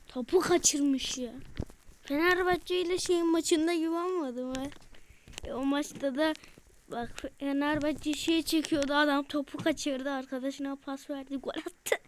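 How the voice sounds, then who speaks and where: Woman gamer, very high bright voice, unhurried delivery, excitable shouts and whispers over her own play. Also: background noise. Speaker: gamer playing a football video game. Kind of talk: excited let's-play commentary.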